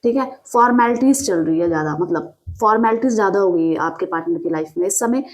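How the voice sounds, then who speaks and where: A woman's voice: mid-range voice, expressive, quick pace. Woman giving a chatty tarot reading. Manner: addresses the listener directly with rhetorical questions and frequent fillers. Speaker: tarot reader. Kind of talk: direct-to-camera tarot reading.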